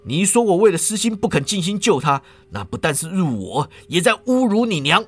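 A man's voice: high voice, sing-song, a little fast. A man voicing an earnest young martial-artist healer who protests his innocence, pleading and flustered. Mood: defensive.

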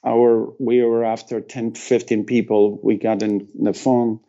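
A middle-aged man from Afghanistan recounts a personal story in an interview, speaking haltingly with broken phrasing and emotional pauses. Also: medium pitch, level tone, warm tone, dull audio. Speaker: guest.

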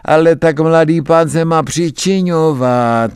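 A man's voice: on the high side, a little mellow, clean tone, no room sound, studio quality, voice pushed up, natural voice. A man voicing a fawning, overly polite old male traveling wine salesman in a dramatic radio story reading.

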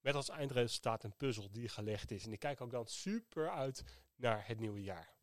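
A man's voice: mid-range voice, expressive, normal speed. A man hosting a podcast, telling a personal story in an earnest, reflective way. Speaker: podcast host.

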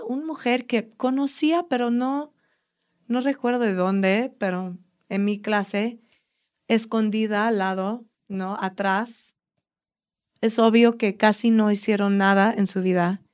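Here is a woman fitness trainer being interviewed, and she tells her stories eagerly and with a lot of life. Her pitch sits at an ordinary middle level for a woman. She talks casually and chattily. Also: a little slow. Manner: enthusiastic, animated storyteller.

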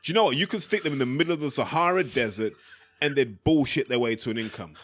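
A British man hosts a casual, opinionated podcast. He explains things in a matey, sweary way, at a medium pitch. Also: fast talker, fairly bright tone. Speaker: podcast host.

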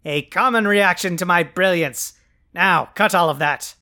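A performer playing a boastful male supervillain who hosts a podcast, delivering grandiose, insulting proclamations with a quick temper. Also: mid-range voice, bright, forceful tone. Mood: bossy. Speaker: podcast host. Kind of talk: comic scripted podcast.

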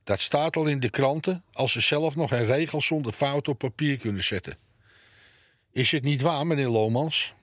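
A man's voice: medium pitch, moderate pace, a bit bright, dry recording, clean studio sound, natural voice. A man voicing a sarcastic teacher who mocks his pupils with sneering remarks. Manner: mocking, sarcastic.

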